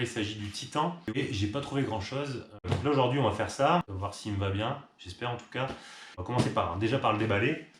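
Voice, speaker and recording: A man who runs an online shop, chatting casually and upbeat with fillers as he unboxes a product. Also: mid-range voice. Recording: echoey room with clear background noise.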